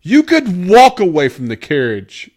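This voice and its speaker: A man's voice: high-pitched, wildly swooping pitch, a little slow, a little mellow. A man co-hosting a podcast, chatting casually in a blunt, sardonic way. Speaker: podcast co-host. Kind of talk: casual review chat.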